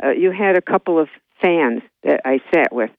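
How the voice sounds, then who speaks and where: A woman's voice: low voice, animated, moderate pace, creaky, no room sound. A woman calls in to a radio show over a landline phone, and her voice comes through tinny and narrow. The sound is dry and close, with no room around it. She talks bluntly and teasingly, stumbling over fillers. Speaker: caller. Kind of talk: call-in radio chat.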